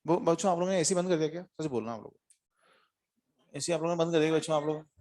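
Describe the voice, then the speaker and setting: A man's voice: fairly high pitch, fast talker, a little mellow. A man teaching a physics class to students, questioning them often and mixing in English terms. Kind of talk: classroom lecture.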